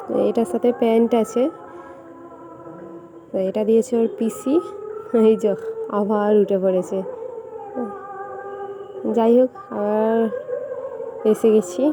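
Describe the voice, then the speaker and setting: A young woman talks through her home vlog in a hushed, casual way so she won't wake her son. Her voice sits a little high and stays fairly level. Music from nearby comes through clearly behind her. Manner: speaking softly so her sleeping son stays asleep. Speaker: vlogger. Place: at home indoors. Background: fair music playing nearby.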